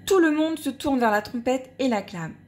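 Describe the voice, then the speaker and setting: A woman reading a children's storybook aloud. Her voice sits a little high and swings widely in pitch, playful and animated like a storyteller. She tells it expressively, speaking straight to a young listener. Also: normal speed. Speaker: storybook reader. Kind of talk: expressive read-aloud narration.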